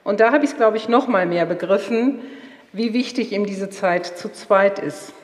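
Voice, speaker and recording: A woman's voice: medium pitch, normal speed. A middle-aged woman telling stories from her marriage and family to an audience, acting out the quoted dialogue. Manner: lively storyteller, acts out quoted dialogue. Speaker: speaker sharing marriage stories. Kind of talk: storytelling talk to an audience. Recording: roomy hall with long reverb.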